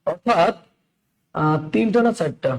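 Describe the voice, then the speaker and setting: Teaching a live online math class, a tired man with a Bangladeshi Bengali accent talks slowly in a high, strained voice that is animated, unhurried, and has vocal fry. He goes back over steps, puts questions to his students, and says hello to chat members by name. The recording quality is low.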